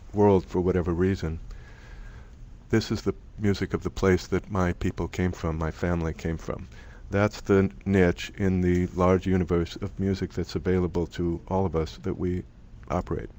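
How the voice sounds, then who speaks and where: A man's voice: low-pitched, little pitch movement, moderate pace, darkish tone. A middle-aged man presenting an online lecture, talking conversationally and thinking aloud with restarts. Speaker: presenter from a music archive.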